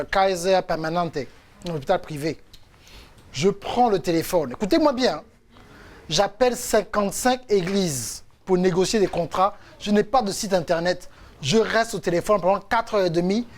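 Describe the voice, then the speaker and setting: Male coach, lively storyteller, faith testimony, mid-pitched. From France. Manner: animated storytelling, acts out quotes. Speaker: coach and speaker.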